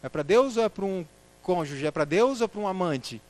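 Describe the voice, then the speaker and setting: A man's voice: high-pitched, expressive, moderate pace, a little mellow. A man giving a church lecture, putting rhetorical questions to the congregation and calling them brothers. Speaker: church speaker.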